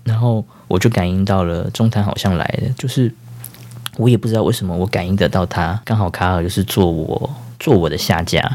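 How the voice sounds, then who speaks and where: Low-voiced man telling a rambling story. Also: darkish tone. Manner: rambling, with many fillers and self-corrections. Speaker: podcast host. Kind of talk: casual storytelling.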